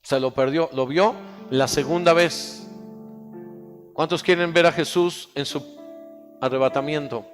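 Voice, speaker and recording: A man preaching a sermon in a high voice, leading the congregation in call-and-response. His words ring out through a large church hall with a long echo. Soft instrumental music plays faintly underneath. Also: unhurried, long pauses. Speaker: pastor.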